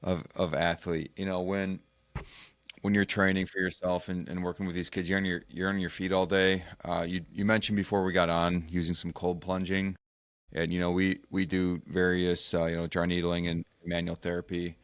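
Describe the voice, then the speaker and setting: A man hosting a casual interview as a physical therapist, talking haltingly with many restarts. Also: low voice, flat delivery, clean tone, no room sound. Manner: halting, searching for words. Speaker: physical therapist and podcast host.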